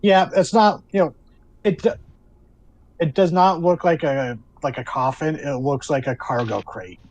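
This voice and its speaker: A man's voice: on the high side, measured pace, darkish tone, muffled recording. A man narrating a tabletop role-playing game as game master, describing scenes in a conversational way with asides.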